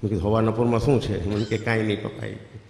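A man's voice: lowish voice, level tone, very fast, creaky, a little mellow, a little hiss or hum. A middle-aged man, telling folksy jokes to a live audience and acting out the voices of his characters. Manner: folksy storyteller acting out voices, laughing often. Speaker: stand-up comedian. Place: stage in a hall. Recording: echoey hall from a stage mic.

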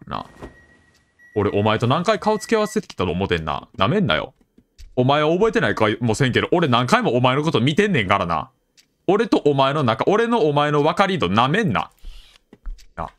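A young man with a Kansai accent commenting on a horror game as he plays, chatty and jokey, with sudden loud outbursts. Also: mid-range voice. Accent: Kansai Japanese. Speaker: game streamer.

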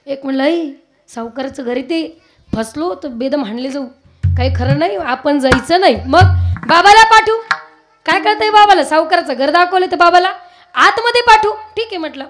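High-voiced woman preaching a Marathi kirtan. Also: expressive, normal speed, fairly bright tone, soft background music. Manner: asks the audience questions, shifts between speech and sung verses. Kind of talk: devotional kirtan sermon with storytelling and singing.

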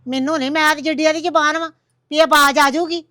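A woman's voice: high-pitched, steady tone, fast talker, no echo, clean studio sound. A woman playing a harsh mother-in-law who nags and taunts. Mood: scolding. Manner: sharp, nagging, taunting.

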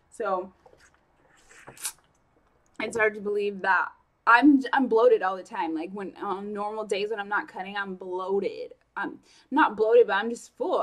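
A young woman vlogging casually about her training, talking fast and chatty with lots of fillers and self-corrections. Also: medium pitch. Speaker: fitness vlogger. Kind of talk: casual vlog chat.

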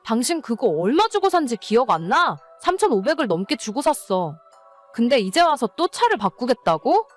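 Over faint background music, a woman with a voice on the high side performs story narration and dialogue at a moderate pace, very animated throughout. She plays a fed-up wife who nags and scolds her irresponsible husband in this scripted drama.

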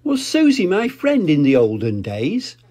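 An older man voicing a cheeky little girl piglet in a read-aloud storybook, high and squeaky. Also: wildly swooping pitch, dark tone, heavily acted. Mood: childish. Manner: slow storybook reading.

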